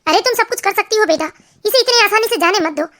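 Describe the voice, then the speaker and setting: Woman doing a bossy older mother-in-law in a cartoon story, firm and protective, high bright voice. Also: fast talker. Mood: firm, comforting. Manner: firm, comforting, scolding.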